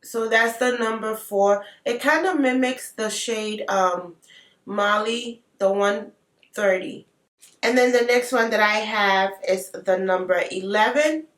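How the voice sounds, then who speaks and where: Speaking slowly in a medium-pitched, slightly bright voice, this African-accented beauty vlogger chats through a makeup tutorial. She adds playful asides, and the recording sounds roomy with the mic set at a distance.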